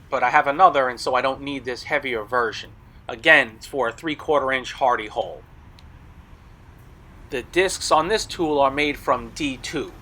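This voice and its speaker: Bright-voiced man presenting items. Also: mid-range voice. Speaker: blacksmith video host selling tools. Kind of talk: product showcase narration.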